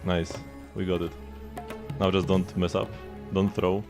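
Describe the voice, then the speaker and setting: Speaking a little slowly in a deep, level voice, a man livestreams a game and chats casually, rambling and making fun of himself. Game music plays behind his voice.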